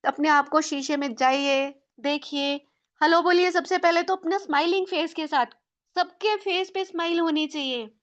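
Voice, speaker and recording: A woman leading an online group through mirror affirmations, gentle and coaxing as she shows how to praise and thank yourself. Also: sits high, moderate pace, dull audio. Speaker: mirror-talk guide. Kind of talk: guided self-affirmation session.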